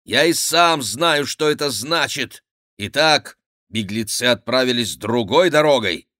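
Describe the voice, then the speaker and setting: A man's voice: medium pitch, expressive, a little slow, bright, forceful tone, no room sound, clean studio sound, voice pushed up. A man voicing an impatient, demanding thin male jester who questions sharply in an audiobook.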